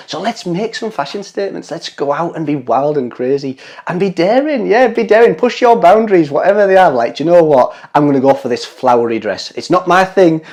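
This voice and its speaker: With a medium-pitched, somewhat dark voice, a show host talks to viewers in a chatty fashion vlog to camera. Her manner is gushing and affectionate, yet cheeky, playful and teasing.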